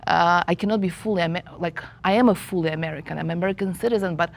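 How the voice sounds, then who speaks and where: A woman's voice: lowish voice, steady tone, quick pace, creaky. A woman in her forties with a Russian accent, talking on a discussion panel and searching for her words with restarts. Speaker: panel guest.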